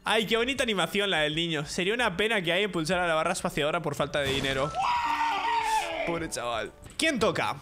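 A man's voice: a little high, fast talker, hardly any pauses, noisy background. A man giving playful, theatrical gameplay commentary and talking to the characters in the game. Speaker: gaming YouTuber.

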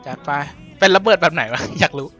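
A young man playing and commenting on a video game in a casual, playful way, laughing often and yelping when excited. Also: fairly high pitch, fast, faint music behind. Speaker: gaming YouTuber.

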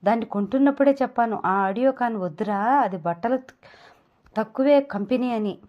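A woman's voice: a little high, muffled recording, lightly acted. A woman voicing a flustered, anxious young man who is about to be married, reading audio novel dialogue. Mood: pleading. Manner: flustered, rushing and pleading. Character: anxious young male groom, pleading.

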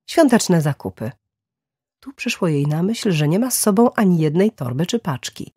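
A woman narrating a crime thriller audiobook in a lively reading voice. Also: on the low side, fairly quick, breathy edge, no echo, clean studio sound.

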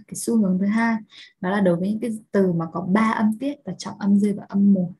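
Vietnamese-accented woman teacher, husky and mellow, patient explainer who keeps checking understanding. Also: mid-range voice, poor audio. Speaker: English teacher. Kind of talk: pronunciation lesson.

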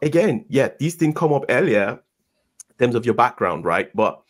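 A man's voice: medium pitch, very animated, normal speed. A man hosting a podcast interview over a video call, encouraging his guest with short listening sounds. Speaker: podcast host. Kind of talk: casual interview chat. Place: home room, indoors. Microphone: headset with desk mic, video call.

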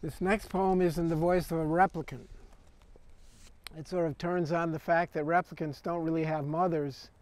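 A man poet introducing his poems at a reading, halting, with many fillers and restarts. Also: on the high side, steady tone, a little mellow. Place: arts venue.

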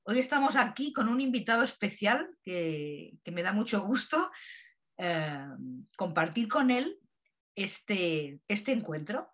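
A woman's voice: mid-range voice, big pitch swings, slow pace, fairly bright tone. A woman hosting an interview, speaking loosely and hesitantly with many fillers. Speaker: interviewer, host. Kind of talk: casual interview.

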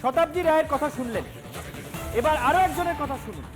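A man anchoring a news program, giving emphatic, measured commentary. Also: very high-pitched, expressive, over music.

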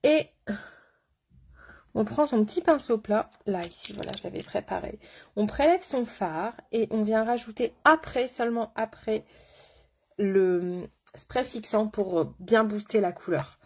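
A woman makeup artist talks through a live makeup tutorial in a slightly husky, breathy voice at a middle pitch. She is chatty and slangy, full of enthusiasm, and calls her viewers by pet names. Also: animated, unhurried.

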